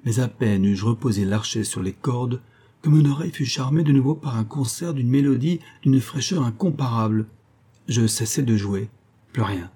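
A man reading a nineteenth-century story aloud as narrator, in a measured storytelling manner. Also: medium pitch, warm tone, husky. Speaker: audiobook reader. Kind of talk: scripted narration.

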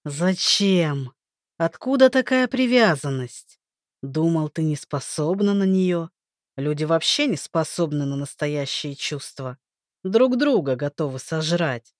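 A woman's voice: low voice, expressive, a little slow, no room sound, studio quality, pitched below the performer's own voice. A woman voicing an arrogant, cruel male rain god who speaks with contempt and menace. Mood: contemptuous.

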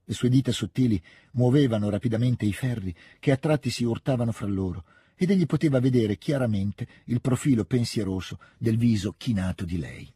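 A man narrating a classic novel as an audiobook, in a measured, calm, expressive reading. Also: medium pitch, husky, dry recording, studio quality. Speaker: audiobook reader.

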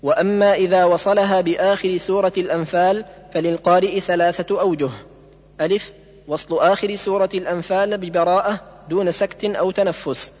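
Male teacher, reading recitation rules in a measured, point-by-point way, high voice, long reverb. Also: fairly even intonation, darkish tone. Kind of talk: read-aloud lesson on recitation rules.

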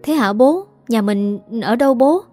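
A woman playing a small girl, high childlike calls, mellow tone. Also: lively intonation, measured pace, faint music behind. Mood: excited. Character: little girl, excited then desperate.

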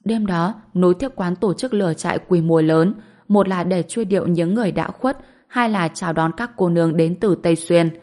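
A woman narrating an audiobook in a steady, even storytelling manner. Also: on the low side, moderate pace.

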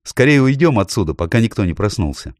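A man's voice: fairly low pitch, sing-song, quick pace, no echo, clean studio sound, voice pushed up. A man reading an audiobook, voicing a brave, cheeky young girl who tells her tale eagerly. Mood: giggly.

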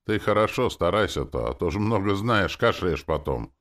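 A man's voice: on the low side, animated, normal speed, voice pushed up, natural voice. A man voicing a grumbling middle-aged cart driver from the outskirts. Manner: grumbling, later fawning.

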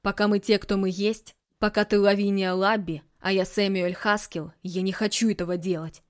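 Earnest guarded young man read by a woman, serious and hot-tempered, audiobook dialogue, mid-pitched voice. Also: flat delivery, normal speed, close to an everyday voice. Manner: serious, heated outbursts.

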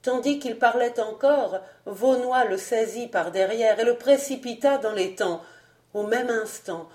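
A woman reads a classic novel aloud as an audiobook narrator. Her delivery is measured and deliberate, taken at a slow, unhurried pace. Her voice sits at an ordinary middle pitch. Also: darkish tone.

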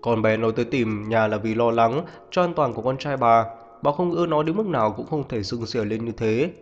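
A man voicing a calm middle-aged father who speaks softly and reassuringly. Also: medium pitch, fairly quick, natural voice. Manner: soft, reassuring. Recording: muffled reverberant audio, faint music.

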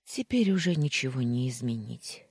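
An audiobook reader voicing a troubled young woman who speaks quietly and sadly. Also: medium pitch, animated, moderate pace, husky, dry recording, clean studio sound. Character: troubled young woman, first-person heroine. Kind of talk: audiobook character reading.

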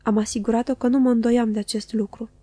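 A woman narrates a classic novel in a measured, expressive audiobook reading. Her voice sits slightly high with a warm, mellow tone. The sound is close and dry. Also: slightly rough, no echo.

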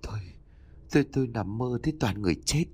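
A man voicing a frightened old village wife who stammers in a hushed, hurried voice. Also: mid-range voice, expressive, husky.

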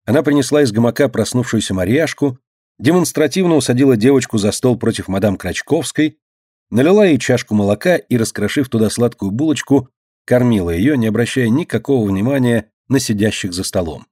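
Husky male audiobook narrator. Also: mid-range voice, fairly quick, no room sound, studio quality. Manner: expressive storytelling. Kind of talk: scripted narration.

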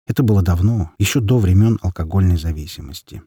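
A man narrating a story in an expressive, scripted reading. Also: sits low, fast talker, husky, dry recording, studio quality. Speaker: audiobook narrator.

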